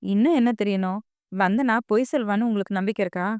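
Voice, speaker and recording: A woman voicing a furious middle-aged mother who hurls sharp, shouting accusations at her family in an audio drama reading. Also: medium pitch, fairly even intonation, a little fast, clean tone, no room sound, clean studio sound, natural voice.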